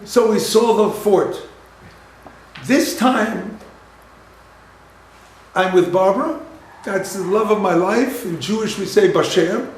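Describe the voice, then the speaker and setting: A man's voice: high-pitched, slow pace, long pauses, slight background noise. Man, rabbi giving a lecture, storytelling, repeats himself, acts out dialogue, echoing room.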